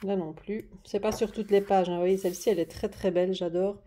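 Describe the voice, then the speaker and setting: A woman's voice: mid-range voice, little pitch movement, fast, dark tone, a little hiss or hum. A woman showing craft paper pads in a casual home vlog, chatty and hesitant, with many fillers and restarts. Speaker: craft haul vlogger. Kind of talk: casual show-and-tell vlog. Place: at home at a desk. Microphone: camera on the desk, moved closer and back.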